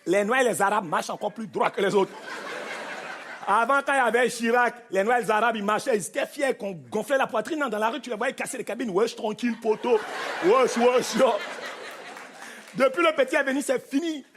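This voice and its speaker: A man with a Cameroonian French accent performing stand-up comedy on a theatre stage, animated and punchy, mimicking voices. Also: very high voice, fast. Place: theatre stage with live audience. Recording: live show with faint crowd and noise. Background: audience laughter.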